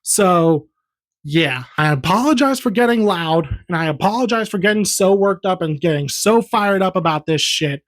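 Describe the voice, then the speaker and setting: A man's voice: high-pitched, animated, moderate pace, fairly bright tone. A young man giving a heated, profane, rambling movie review in a casual vlog. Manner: heated, profane, repetitive ranting.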